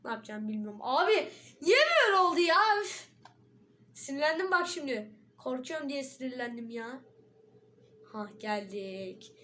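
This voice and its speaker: A woman's voice: sits high, lively intonation, normal speed, a bit bright. A woman giving let's play commentary on a horror game, jumpy and frightened, swearing and shrieking often. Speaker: gaming video creator.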